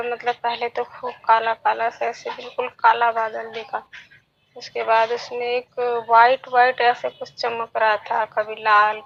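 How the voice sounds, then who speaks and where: A woman from India slowly and reverently telling her teacher about a meditation experience, often searching for words. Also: on the high side, gravelly, a bit bright, highs cut off. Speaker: meditation student sharing an experience.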